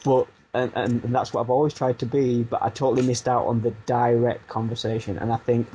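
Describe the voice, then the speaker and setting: A music producer turned coach from Barnsley, England, a man in his thirties with a Yorkshire accent, chats casually in an interview, rambling and self-deprecating with frequent restarts and fillers. His mid-range, mellow voice is flat and a little fast. The recording is rough, with a little hiss or hum.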